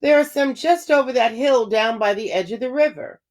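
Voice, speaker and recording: A woman's voice: fairly high pitch, lightly acted. A woman voicing a sly, hungry male wolf who talks with false politeness in a storybook read-aloud. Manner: silky, falsely polite, slowing to a menacing hush.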